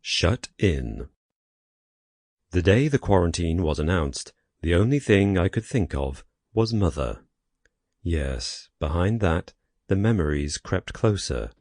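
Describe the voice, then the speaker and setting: A man narrating a first-person horror story in a measured way, with wry asides. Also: low-pitched, darkish tone, no echo, studio quality. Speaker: audiobook narrator.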